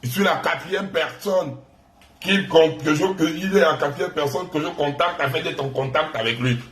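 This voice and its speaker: A man's voice: a little high, moderate pace, fairly bright tone, reverberant. A man with a Gabonese French accent hosting an online live stream, taunting and insulting a rival in a mocking, repetitive rant.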